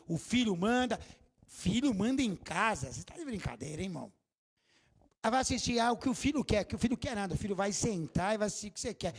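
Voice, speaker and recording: A middle-aged man with a Brazilian accent preaching a sermon in a church, jokey and scolding, bursting into shouts. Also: high voice, slightly rough. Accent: Brazilian Portuguese. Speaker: pastor. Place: church hall.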